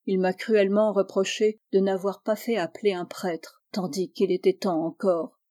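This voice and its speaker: A woman narrating a literary audiobook in a measured, grave reading voice. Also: medium pitch, flat delivery, warm tone. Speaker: audiobook reader.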